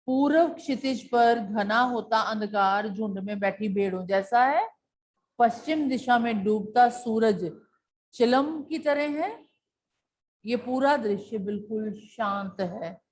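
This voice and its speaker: Woman, school teacher, fairly high voice, explains a poem patiently, asks and answers her own questions. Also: slight background noise. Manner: asks the class questions and answers them herself; patient, repeats key points.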